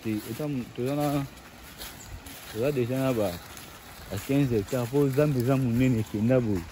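Man, Congolese accent, site staff, proud, mid pitch, clear outdoor noise. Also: moderate pace, dark tone. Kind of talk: casual interview answers. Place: outdoors at a park.

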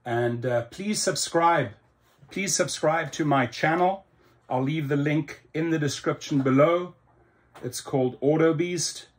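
Sitting indoors in front of a computer screen, a South African YouTube channel host pitches his channel in casual promotional vlog talk. He's upbeat and salesy, with many ums and slow, emphatic phrases.

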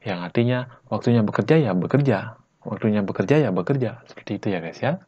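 A man from Bali teaching Japanese slang in a casual lesson, saying each phrase slowly and then at normal speed, and tagging lines with a chatty "guys, ya". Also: lowish voice, animated, darkish tone, slightly rough, muffled recording. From Bali, Indonesia. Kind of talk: casual vlog-style lesson.

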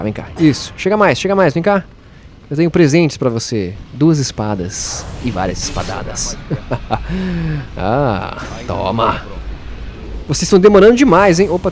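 Male let's play host, lively and taunting. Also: medium pitch, slight background noise. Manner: playful, taunting enemies, laughs often. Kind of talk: casual gameplay commentary.

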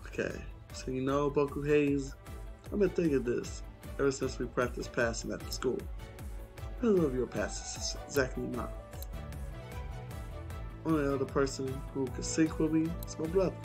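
With video game music in the background, a young gaming streamer talks in a casual, slangy way and reads in-game dialogue from an indoor room at home on webcam. His medium-pitched, slightly mellow voice moves at a moderate pace with long pauses.

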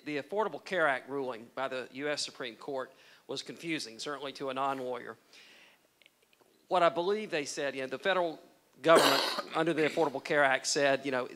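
Brief: middle-aged man, mid pitch, conversational question from the floor in a ballroom. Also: a bit bright. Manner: conversational, searching, with fillers. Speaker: foundation president asking a question. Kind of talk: audience question. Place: large conference ballroom.

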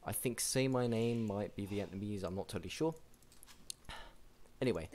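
A young man casually commentating a strategy game match, chatty and excitable, with frequent restarts. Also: on the low side, moderate pace, slight background noise. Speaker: game caster.

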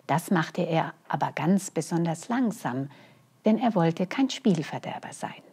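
A woman storyteller reading a children's bedtime story, gently and expressively, with hushed phrase endings. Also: sits low, lively intonation, unhurried, vocal fry, slightly rough.

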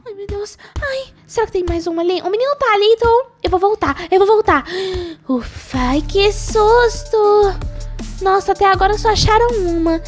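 Very high-pitched, jumpy gaming host woman. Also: normal speed. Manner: jumpy, exclamatory, talks to viewers and herself. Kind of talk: let's-play commentary. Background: game music.

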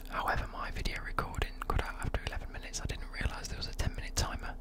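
Whispering young British ASMR creator. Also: very fast. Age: young adult. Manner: whispering throughout; soft mouth sounds. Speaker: ASMR creator, university student. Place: indoors at a desk. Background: occasional tapping and desk creaks.

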